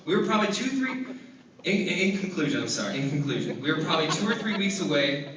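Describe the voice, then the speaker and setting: A man's voice: on the high side, very animated, quick pace, background noise. A man, a former teammate, telling funny stories in a hall of fame speech and chuckling often as he goes. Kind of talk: humorous speech with anecdotes. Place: large hall at an induction event. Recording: echoey hall, voice from far off.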